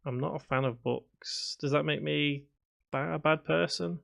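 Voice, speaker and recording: On the high side and creaky yet a bit bright, this man's voice moves unhurriedly with fairly even intonation. He's a game development streamer in his thirties from Liverpool, England, whose Scouse accent colors his casual live-stream replies as he reads viewer comments aloud, restarting and using fillers.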